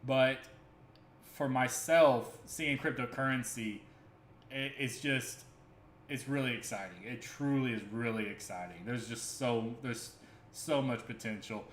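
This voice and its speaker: A man's voice: medium pitch, measured pace. An earnest man rambles through casual livestream talk, circling back with fillers and self-corrections. His mid-range voice rings in an echoey room with a faint ambient hum beneath. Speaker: crypto stream host.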